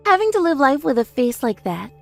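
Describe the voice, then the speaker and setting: A woman's voice: sits high, very animated, a little slow, gravelly, soft background music, exaggerated voice. A woman playing a boastful, mocking older sister in her thirties in a scripted audio story, with a haughty, taunting manner. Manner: haughty, taunting, self-praising.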